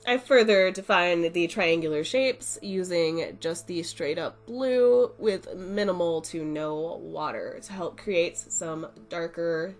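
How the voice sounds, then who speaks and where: Faint music plays under a young woman's casual art review voice-over, where she explains her art supplies in a chatty, relaxed way despite being congested from a cold. The art channel host has a lowish voice, takes it slowly, and hardly pauses.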